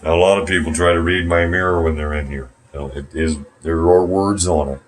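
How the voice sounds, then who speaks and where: This vlogger's voice is low-pitched and fairly even, moving a little fast. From a small, warm bathroom at home, he delivers a rambling, casual monologue to his phone camera, cursing and slipping into sarcasm.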